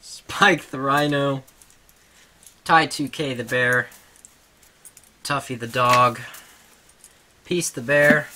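A man's voice: medium pitch, fairly even intonation, very slow, pauses often, sharp tone, a little hiss or hum. A man casually showing off his toy collection at home, chuckling and stopping to talk to his dog. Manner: chuckling, easily distracted, talks to his dog between items. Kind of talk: casual home video show-and-tell.

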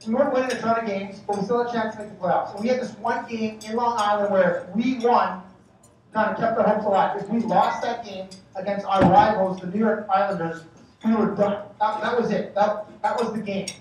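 Male emcee, 40s, mid-pitched, animated joke-teller; distant mic in a very echoey banquet hall, faint dish clatter. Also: fairly quick, a little hiss or hum. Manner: animated, joking anecdotes with acted-out shouting. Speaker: master of ceremonies. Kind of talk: after-dinner storytelling speech.

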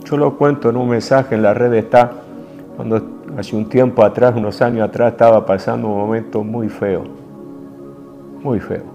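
Gravelly River Plate preacher man. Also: medium pitch, fairly even intonation, normal speed, lo-fi sound, soft background music. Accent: Rioplatense Spanish. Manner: intimate, emotional preaching that swings between soft hushed passages and forceful rises. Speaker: apostle preaching. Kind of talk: sermon.

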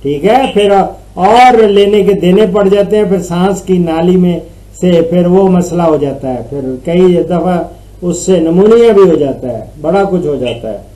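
Recorded on a webcam in a small room, this agricultural advisor from Pakistan, middle-aged, fields callers' farm questions in a friendly, jokey way. His voice is high-pitched, mellow and unhurried, though the audio quality is poor.

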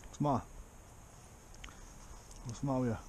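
A man's voice: medium pitch, slow, a little mellow, a little hiss or hum. A man on a rocky lakeshore mutters to his dog, exasperated and then fond.

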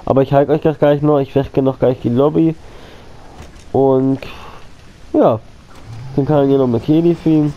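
Lo-fi sound with slight background noise captures a man with a mid-range voice speaking at a moderate pace and pausing often. He has a cold and coughs now and then while giving rambling, casual gameplay commentary as a gaming channel host, repeating himself and talking straight to viewers as friends.

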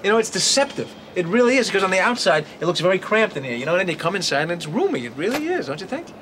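Anxious new husband in a sitcom, rambles and stammers, noisy old tv sound. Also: male voice, high voice, big pitch swings, racing. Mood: awkwardly polite. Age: 30s. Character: nervous, guilt-ridden, self-deprecating husband and filmmaker. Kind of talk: sitcom acting.

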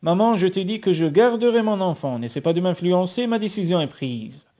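Un homme jouant une jeune étudiante résolue. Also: male voice, high-pitched, lively intonation, a little fast, mellow. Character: jeune étudiante, troublée mais déterminée.

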